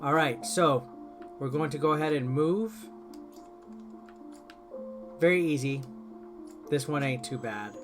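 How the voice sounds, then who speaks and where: A man whose voice sits on the high side speaks slowly, often stopping to pause. He rambles informally through his gameplay as the video's host, breaking things down step by step, and game music runs behind him.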